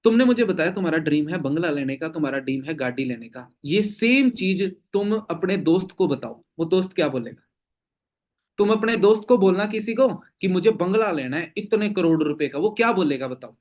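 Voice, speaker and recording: A man's voice: high-pitched, lively intonation, a little fast. A young man leading a team meeting, answering questions emphatically with rhetorical questions and frequent check-ins. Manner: emphatic, full of rhetorical questions and "theek hai?" tags. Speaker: network marketing team leader.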